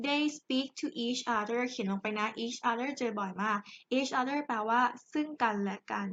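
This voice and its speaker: A young Thai woman teaches an English grammar lesson, chatting and joking as she speaks directly to her students. Her voice is a little high and a bit bright, and she takes it slowly. The recording is dull and lo-fi.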